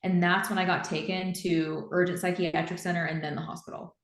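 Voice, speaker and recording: Low-voiced woman telling a personal story. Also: little pitch movement, brisk, reverberant. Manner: rambling, many fillers and restarts. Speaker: podcast guest and author.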